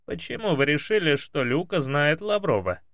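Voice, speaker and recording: A polite young male secretary asks questions with curiosity, as a male reader plays him. His lively voice comes through dry and close. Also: fairly high pitch, moderate pace, no echo. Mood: curious.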